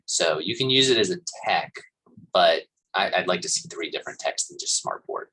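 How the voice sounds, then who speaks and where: A man lectures his class in a loose, rambling way, stopping often for fillers. His voice sits low and sounds bright and forceful, with a husky edge. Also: animated, moderate pace, rough recording. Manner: casual, rambling explanation with fillers. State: coughing and hiccuping. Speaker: college instructor.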